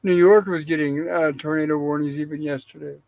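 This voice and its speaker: A man co-hosting a live-streamed classic TV review show, casually retelling episode plots in a relaxed, storytelling way. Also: fairly high pitch, brisk, vocal fry, dry recording. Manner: relaxed storyteller paraphrasing scenes. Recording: dull lo-fi sound.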